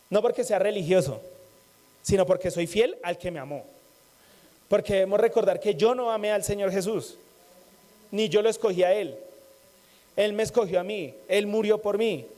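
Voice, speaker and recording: A man's voice: high voice, moderate pace, pauses often, warm tone. A man preaching a sermon in a conversational way, repeating phrases and joking with the congregation.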